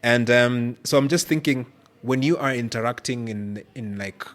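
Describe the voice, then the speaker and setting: A man hosting a podcast, asking long questions with many pauses and restarts. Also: mid-range voice, fairly bright tone. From Kenya. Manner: hesitant, many fillers and restarts while forming questions. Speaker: podcast host. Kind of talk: conversational interview questions.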